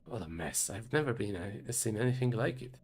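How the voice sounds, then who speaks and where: A man's voice: lowish voice, animated, a little fast, a little mellow, slight background noise, voice pushed down. A man doing a grumpy, sarcastic train conductor. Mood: grumbling. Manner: sarcastic, grumbling.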